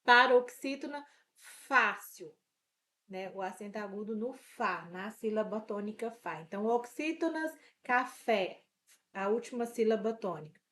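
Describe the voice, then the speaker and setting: A woman teaching an exam review lesson, slow and patient, repeating each rule and checking in with the listener. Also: medium pitch, animated, a bit bright.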